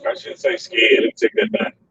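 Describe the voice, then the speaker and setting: A man's voice: fairly quick, fairly bright tone, recorded from a distance, dull audio, a little hiss or hum. A man vlogging live from his car, talking casually and calling on his viewers to reply. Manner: chatty, keeps calling on viewers. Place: in a car while driving.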